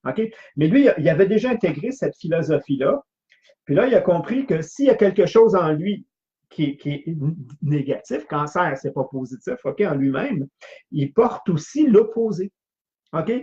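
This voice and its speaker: A man's voice: on the high side, animated, moderate pace, mellow. A man with a Quebec French accent teaches a workshop audience in a slightly raised voice. He keeps asking "ok?" and circles back over the same phrases. The recording sounds dull and lo-fi. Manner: keeps checking in with "ok?", repeats his phrases. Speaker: personal growth workshop leader.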